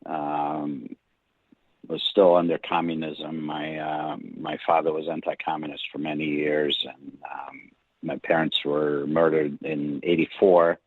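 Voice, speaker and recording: A middle-aged man from Hungary with a Hungarian accent, telling his story as a guest in a relaxed interview, halting with many restarts. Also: rumbling low, no room sound. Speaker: guest screenwriter. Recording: dry tinny phone-like line.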